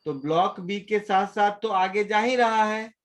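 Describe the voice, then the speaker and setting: A male physics teacher with a high, unhurried voice works through a problem step by step in a live class taught in Hindi mixed with English. He frequently pauses to make sure students are following.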